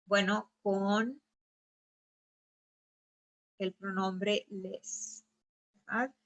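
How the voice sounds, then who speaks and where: A woman's voice: mid-range voice, steady tone, extremely slow, fairly bright tone, highs cut off. A woman teaching a grammar lesson over slides. She explains patiently and keeps checking with her students. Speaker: Spanish teacher.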